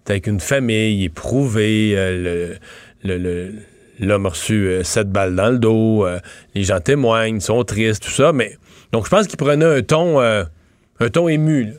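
Joking Québécois radio host, dry sound. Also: male voice, fairly low pitch, moderate pace, no room sound. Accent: Québécois French. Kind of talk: radio news chat.

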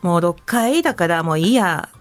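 A woman commentator chatting on a live radio show in a studio, self-deprecating and quick to laugh. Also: fairly low pitch, lively intonation, soft background music. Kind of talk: casual studio chat. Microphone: studio microphone.

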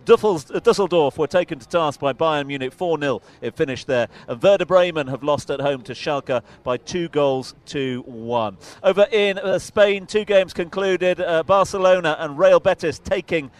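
A man presenting a radio sports show, briskly reading football results with frequent fillers. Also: fairly high pitch.

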